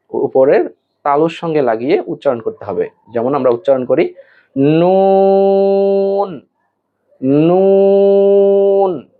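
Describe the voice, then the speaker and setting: A male Quran teacher giving an online lesson, explaining how to pronounce Arabic letters slowly, with pauses and fillers, and drawing out the letters as examples. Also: mid-range voice. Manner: slow and deliberate, with hesitation fillers, drawn-out model pronunciations. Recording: tinny phone-like audio.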